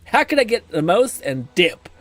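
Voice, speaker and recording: A man's voice: high voice, very animated, normal speed, fairly bright tone. A man doing casual live game commentary as a streamer, thinking aloud in an informal, sweary way.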